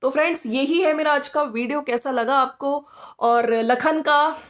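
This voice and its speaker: A woman's voice: high voice, unhurried. A woman hosting a podcast who comments on social media gossip, scolding the people she talks about directly and asking them rhetorical questions. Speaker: podcast host.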